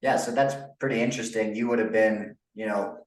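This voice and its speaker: A young adult man hosting a casual interview podcast, relaxed and full of fillers. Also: lowish voice, brisk, recorded from a distance. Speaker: podcast host. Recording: echoey room, off-mic.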